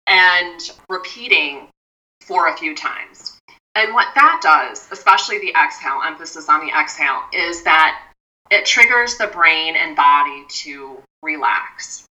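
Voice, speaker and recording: A woman with a low voice and a sharp, bright tone, explaining things to an interviewer in a measured, step-by-step way. She often restarts her sentences. She sounds somewhat far from the mic. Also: animated, muffled recording. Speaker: mindfulness expert guest.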